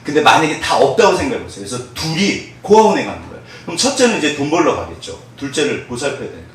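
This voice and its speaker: A man preaching a sermon as pastor, telling a story with big swings between loud and hushed speech. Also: on the high side, huge pitch swings, quick pace, a little hiss or hum. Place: church sanctuary. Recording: very echoey hall, voice from far off.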